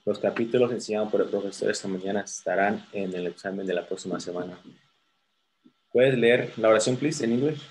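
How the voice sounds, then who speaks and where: A man with a slightly low voice tutors a single student through exam grammar. He is patient and repeats words slowly to fix pronunciation. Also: darkish tone, a little hiss or hum, poor audio. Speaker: English tutor. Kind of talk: one-on-one TOEFL grammar lesson.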